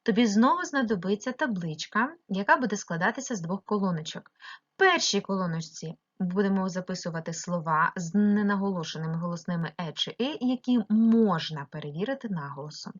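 A woman teacher from Ukraine giving a remote primary-school lesson, slowly drawing out words to mark their stress. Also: mid-range voice, lively intonation, dull audio. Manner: slow, drawn-out stressing of words.

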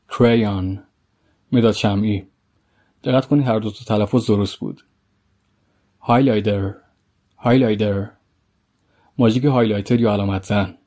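A man teaching vocabulary in a recorded lesson, saying each English word slowly twice and then explaining it briefly. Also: fairly low pitch, warm tone.

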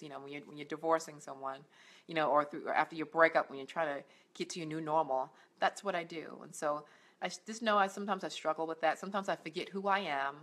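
A woman's voice: deep voice, a bit bright. A middle-aged woman, a life coach, giving earnest, encouraging faith-based talk to camera at home, with many fillers and restarts. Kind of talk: faith-based motivational vlog. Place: indoors at home, on a couch.

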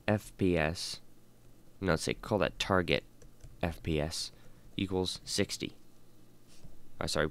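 A programming tutorial host with a low, smooth voice speaks into a desk microphone for a casual screen-recorded coding lesson. Tired and yawning, he thinks out loud, filling pauses with "um" and "uh" while slowly reading out lines of code.

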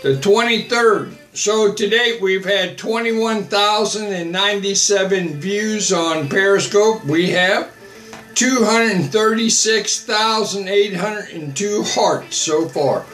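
Older man, missionary livestream host, blunt, repetitive, slow, roomy webcam audio. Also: high voice, a bit bright, soft background music. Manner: blunt, repetitive, reads out viewer comments and answers them. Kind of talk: livestream preaching and chat. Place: small home office, indoors. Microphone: webcam at desk.

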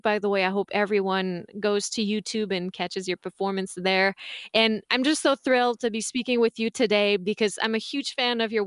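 A woman's voice: fairly high pitch, a bit bright, dry recording, studio quality. A woman hosting a podcast, enthusiastically reading a guest's introduction and asking questions. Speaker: podcast host. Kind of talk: podcast interview.

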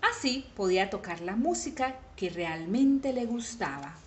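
A woman reading a children's story aloud in an animated way, with sudden shouted exclamations. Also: mid-range voice, a little slow, reverberant, a little hiss or hum.

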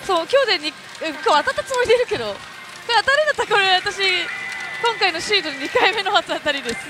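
A woman's voice: very high-pitched, animated, rapid-fire, very noisy. A young woman presenting and playing on a pachinko show, chatting casually in colloquial, exclaiming reactions on a headset mic. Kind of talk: casual chatty play commentary. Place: indoor pachinko parlour. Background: loud pachinko machine music and effects.

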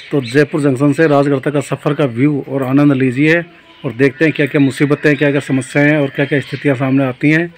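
A man's voice: on the high side, slight background noise, poor audio. A middle-aged man vlogging a train trip in a chatty way, filmed on a handheld phone at a busy railway station. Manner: chatty, addresses viewers as friends. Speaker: travel vlogger. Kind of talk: casual travel vlog narration. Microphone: handheld phone at arm's length.

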